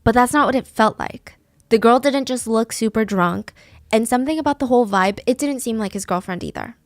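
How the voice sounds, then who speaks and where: A woman narrates a true crime case in a relaxed, chatty way, with a voice that sits somewhat high. She shifts into little character voices whenever she quotes someone. The sound is close and dry. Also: a little fast, no room sound. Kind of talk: casual true crime storytelling.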